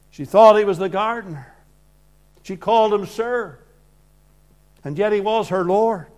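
A man preaching an evangelical sermon in earnest, deliberate short phrases, swinging from hushed lines to loud projection. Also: sits high.

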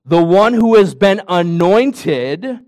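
A man's voice: high-pitched, lively intonation, takes it slowly, a little mellow. A man preaching a sermon, emphatic, asking his listeners questions and joking lightly. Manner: emphatic, asks the audience questions, jokes lightly. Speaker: pastor.

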